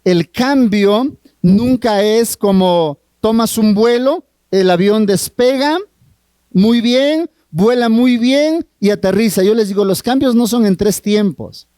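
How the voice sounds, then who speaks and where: A middle-aged man with a Mexican accent, a family therapist preaching at a marriage retreat, earnest and drawn-out, often asking the audience questions. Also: sits high, warm tone, smooth, no echo. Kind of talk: sermon.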